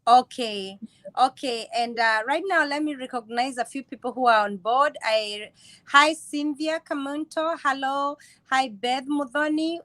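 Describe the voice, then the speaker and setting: Lady hosting a live stream, high voice, lots of little yes and mm, dry close mic. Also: measured pace, dry recording. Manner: warm greetings, frequent brief affirmations. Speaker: host. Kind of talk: casual live-stream chat.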